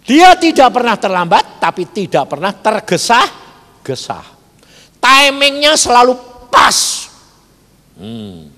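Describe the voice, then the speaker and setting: A man's voice: extremely high pitch, wildly swooping pitch, slow, long pauses, sharp tone, in a large hall. A male pastor preaching a sermon in a colloquial, folksy manner, his voice swinging dramatically up and down.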